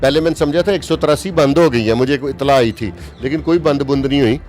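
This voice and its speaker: A man's voice: mid-range voice, a little mellow, faint music behind. Opinionated Pakistani man in his fifties. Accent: Pakistani Urdu. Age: 50s. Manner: emphatic, opinionated, slows down to stress points. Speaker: journalist guest. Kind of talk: interview talk.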